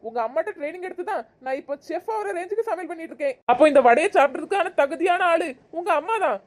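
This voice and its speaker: Loud dramatic cartoon wife, done by a woman, super high squeaky voice. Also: animated, fast. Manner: loud, melodramatic exclamations. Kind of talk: cartoon voice acting.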